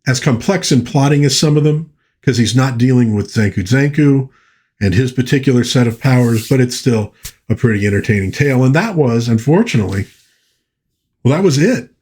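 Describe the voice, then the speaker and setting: His voice is medium-pitched, husky and darkish, and he speaks briskly and animatedly. The man runs a pop culture channel and chats to viewers about old pulp fiction like an eager fan, rambling, self-correcting often, and reading out short passages.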